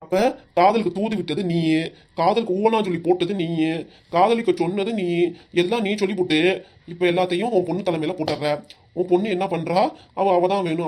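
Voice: mid-range voice, close to an everyday voice. A performer voicing a strict, hot-tempered middle-aged father with a southern Tamil accent, who scolds his wife and weeps. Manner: scolding, shouting, then weeping.

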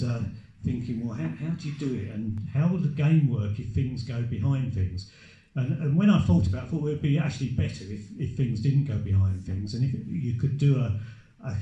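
A man on a live event panel, telling stories about making a game, with many stammering restarts. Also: medium pitch. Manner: stammering restarts, animated storytelling. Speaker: game developer guest. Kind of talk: panel interview recollection. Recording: echoey event hall, live stream.

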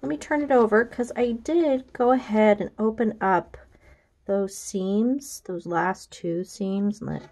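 A woman's voice: medium pitch, a little slow, a little mellow. A friendly American woman talks through a quilting block step by step, chatty and enthusiastic. She speaks in a casual teaching tone, pointing things out as she goes. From United States. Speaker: quilting instructor. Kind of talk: casual how-to walkthrough.

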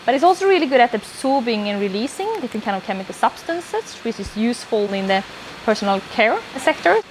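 Speaking fast and very animated in a high-leaning voice, a woman, her company's founder and CEO, earnestly explains what it does for a documentary, peppering her talk with "uh". The lapel-mic recording in an indoor lab is rough, with slight hiss or hum and background music beneath her.

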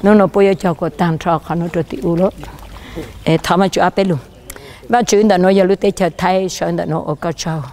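A male pastor preaching a sermon outdoors by a riverside, his voice often jumping higher and louder for emphasis. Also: steady tone, normal speed.

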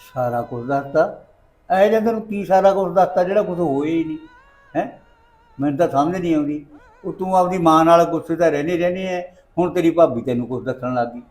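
A weary rural father, acted by a man, coaxing and defensive. His voice sits a little high for a man. Faint music runs under the scene. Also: quick pace, darkish tone, natural voice. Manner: coaxing, then pleading and defensive.

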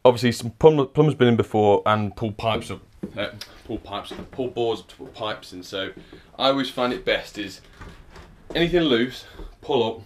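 His voice is medium-pitched and his pace moderate, with a bit of hiss or hum underneath. A man working as an electrician narrates a casual vlog from inside a house he's rewiring, explaining things dryly and chattily as he works, sometimes out of breath.

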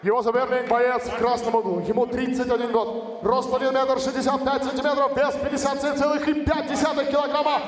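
A man giving a booming stage introduction as ring announcer, loud and projected, drawing out names. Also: little pitch movement, brisk, distant mic, a crowd in the background. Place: large indoor arena, in the cage. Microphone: handheld microphone through PA. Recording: echoey arena PA heard from afar.

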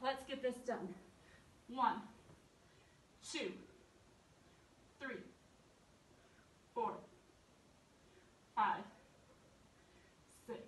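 A woman aerobics instructor leads a home workout in a high voice. She takes her time, counting reps and giving short, encouraging commands. She sounds some way from the mic in a roomy, echoey space. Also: drawn-out words, pauses often. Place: carpeted room at home. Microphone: distant camera microphone across the room. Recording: roomy echo, far from phone camera.

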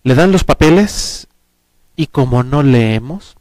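A man's voice: medium pitch, takes it slowly, no echo. A man in his forties with a Mexican Spanish accent, a guest advisor explaining pensions earnestly on a studio talk show, speaking into a headset mic. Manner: earnest, explains at length with lively hand gestures. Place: small TV studio set, indoors.

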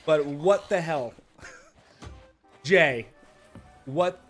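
A male game streamer who chats live in an excitable, flustered way, with frequent laughter and sudden outbursts. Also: on the high side, very slow, faint music behind.

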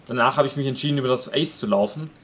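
A man does casual let's play commentary on a survival game, cracking jokes, talking to his audience and hollering at wolves. He speaks at a racing pace with medium pitch, and the audio quality is poor.

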